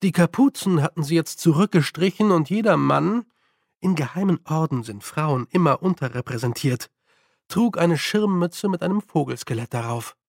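A man's voice: fairly high pitch, animated, gravelly, no room sound, clean studio sound. German man narrating an audiobook wryly. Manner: measured, wry storytelling.

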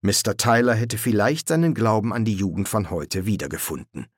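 A man reading a novel aloud as audiobook narration, lifting his voice well above his usual pitch for the characters' dialogue. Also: fairly quick, dry recording, studio quality. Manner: raises his voice high for the characters' lines.

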